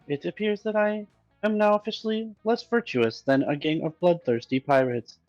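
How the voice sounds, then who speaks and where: A man's voice: medium pitch, creaky, a little mellow, dry recording, low-quality recording. A man voicing a polite, anxious male robot with stiff, formal diction in a voice-acted game playthrough.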